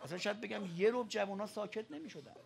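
A man preaching a mourning sermon to a crowd, impassioned, moving between shouting and hushed speech. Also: high-pitched, vocal fry. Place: mosque hall with a mourning crowd. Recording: crowd noise behind the voice.

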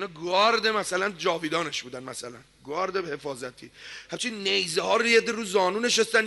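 A man preaching a sermon, telling a story dramatically and swinging from hushed tones to loud declaiming. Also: sits high.

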